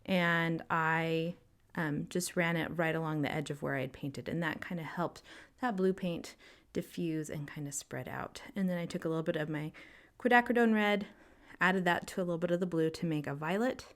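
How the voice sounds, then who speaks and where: A young woman narrating a painting tutorial voice-over, breathy and out of breath, explaining calmly with frequent ums. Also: deep voice, moderate pace. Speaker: art instructor.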